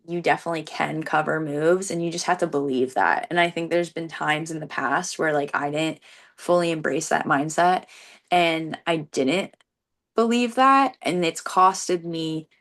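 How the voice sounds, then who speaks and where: A young woman runner talking earnestly in a casual interview, peppering her sentences with "like". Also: lowish voice. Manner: earnest, frequent "like" as filler. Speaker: competitive runner being interviewed.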